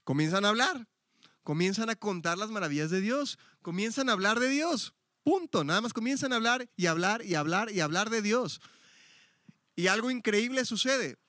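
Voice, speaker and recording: High-voiced Mexico City man teaching church. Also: lively intonation, normal speed, bright, forceful tone, dry recording, clean studio sound. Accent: Mexico City Spanish. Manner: chatty and explanatory, frequent "este" fillers and self-corrections, joking asides. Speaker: Bible teacher.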